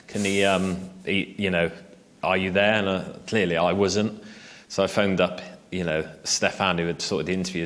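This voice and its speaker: A man, a journalist from England, telling a relaxed, self-deprecating anecdote in a stage interview, with lots of fillers and asides. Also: sits low. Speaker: freelance cycling journalist, interviewee. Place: festival stage interview, indoors.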